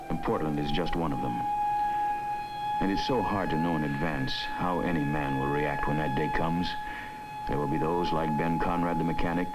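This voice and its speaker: A man narrating a scripted documentary in a solemn, dramatic, deliberate way. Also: rumbling low, very noisy.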